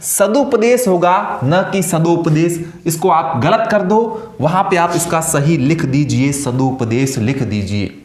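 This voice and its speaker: A high-pitched male teacher walks students through a grammar lesson at a board. He keeps posing questions and answering them himself, repeating each point. The room gives his voice a noticeable echo. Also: a little slow, hardly any pauses.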